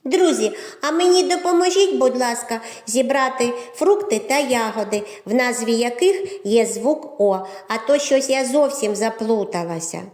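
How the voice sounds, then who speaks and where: A woman voicing a cheerful little girl in a cartoon lesson, with a high, sweet childlike tone. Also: animated, normal speed, hardly any pauses, darkish tone, close to an everyday voice. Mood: pleading. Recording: roomy echo, faint music behind.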